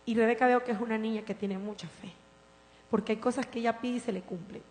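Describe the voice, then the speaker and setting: A woman pastor preaching a sermon in a church, swinging from impassioned declarations to soft, tender storytelling. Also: fairly high pitch, steady tone, fast talker. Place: church sanctuary. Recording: reverberant hall with mains hum.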